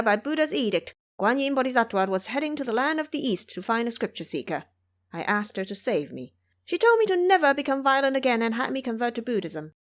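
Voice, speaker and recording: A woman voicing an excitable, pleading male monkey demigod with a boastful, eager manner in an audio drama. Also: fairly high pitch, voice pushed up, close to an everyday voice. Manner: frantic, eager, yelling.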